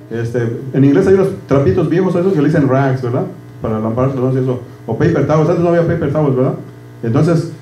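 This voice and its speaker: A man's voice: medium pitch, dark tone. A middle-aged man preaching a sermon as pastor. He keeps asking the congregation "right?" and slips English words into his talk. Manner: conversational, asks "¿verdad?" constantly, switches into English words. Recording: echoey room with faint hum.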